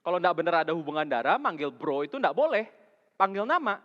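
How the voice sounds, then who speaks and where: A man preaching a sermon as a vicar, in a colloquial way that swings between loud emphasis and soft asides. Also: a little high, lively intonation, fast. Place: church sanctuary. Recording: echoey hall, dull lo-fi sound.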